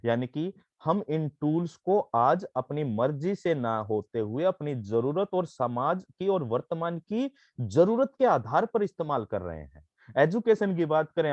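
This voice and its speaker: A man giving a persuasive sales pitch, mixing Hindi with English phrases and calling listeners his friends. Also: dry recording, dull audio. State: coughing, throat irritated. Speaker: network marketing presenter.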